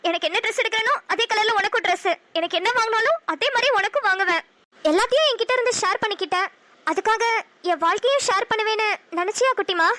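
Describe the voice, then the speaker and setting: A woman's voice: very high-pitched, bright, forceful tone. A woman with a Namakkal Tamil accent, narrating and voicing a cartoon story with emotional, scolding delivery. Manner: emotional, scolding, fast-talking. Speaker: voice artist and narrator.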